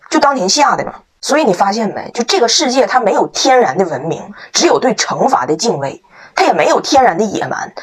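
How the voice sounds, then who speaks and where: A woman, a vlogger telling a story to camera in a joking, emphatic way. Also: medium pitch. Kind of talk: casual storytelling monologue.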